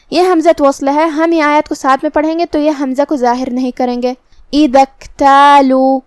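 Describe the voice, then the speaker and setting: A woman gives a step-by-step tajweed lesson, explaining how each letter is pronounced in a measured, careful way. Her voice sits high and is recorded dry and close. She stretches out the words slowly when she demonstrates the recitation. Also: dry recording. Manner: slow, careful, instructive explanations with drawn-out recited examples. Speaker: Quran recitation teacher.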